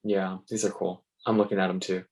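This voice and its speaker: A man with a lowish voice, sitting in as a student on a drawing lesson. He speaks quietly and briefly. Most of what he says is simple agreement. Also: level tone, brisk.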